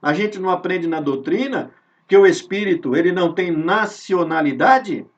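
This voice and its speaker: Over a video call, a high-voiced Brazilian man teaches an informal spiritist study with earnest conviction, repeating himself, asking rhetorical questions, and lingering on key words. His Brazilian Portuguese accent comes through a distant, dull, lo-fi recording.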